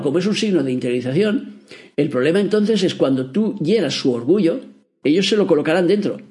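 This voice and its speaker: Middle-aged guy teaching a class, kinda high voice, lots of "o sea" as he explains. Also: a little mellow. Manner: explanatory, rhetorical questions, frequent "o sea" fillers. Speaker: astrology teacher. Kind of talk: spoken lecture.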